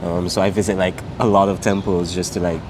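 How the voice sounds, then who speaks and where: A young man from Saint Vincent and the Grenadines, with a fairly low voice, answers questions in a casual street interview. He speaks in a loose, unhurried, relaxed way packed with fillers like "um" and "like." Recorded outdoors on a city street, the traffic and street noise behind him is clearly audible.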